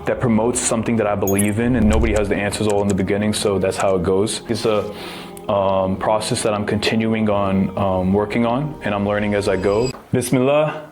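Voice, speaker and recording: Young man, podcast host, low voice, monotone, earnest, casual. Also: a little fast. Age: young adult. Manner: relaxed, earnest, many fillers. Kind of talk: casual interview.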